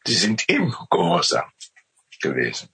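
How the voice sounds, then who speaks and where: Very raspy, slow-speaking male preacher. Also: deep voice, huge pitch swings, sharp tone, rough recording. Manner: emphatic, storytelling, repeats words. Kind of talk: sermon.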